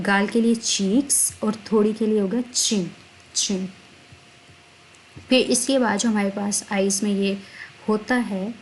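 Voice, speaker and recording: A woman teaching vocabulary, explaining each word in Hindi and repeating it slowly twice. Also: mid-range voice, a little mellow, a little hiss or hum, rough recording. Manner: slow, drawn-out spelling of words, repeats each word twice. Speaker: English teacher.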